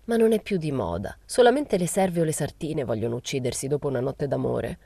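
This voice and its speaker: A woman's voice: low voice, lively intonation, brisk, gravelly, mellow, breathy edge, dry recording, heavily acted. A woman voicing a languid young woman who talks with sneering scorn. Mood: mocking. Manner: sneering, drawling.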